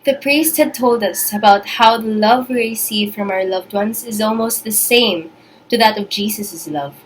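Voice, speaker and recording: A young adult woman delivering a prepared eulogy in a tender, earnest, measured way, speaking as a daughter. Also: mid-range voice, slight background noise, rough recording.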